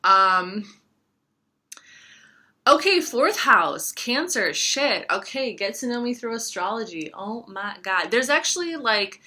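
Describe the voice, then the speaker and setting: A woman in her thirties from the United States, a Serbian-speaking astrologer and tarot reader, chats casually to camera. Her voice is fairly high, bright and pushed, with a slow, sing-song delivery, and she rambles along with plenty of fillers.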